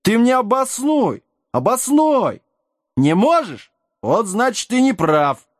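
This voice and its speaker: Man doing a hoarse, loutish dim giant. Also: very high-pitched, sing-song, slow pace, no echo, studio quality, pitched above the performer's own voice, full character voice. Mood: brash, touchy. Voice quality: hoarse and hollow. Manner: loutish, touchy, slangy. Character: huge dim-witted brash male giant.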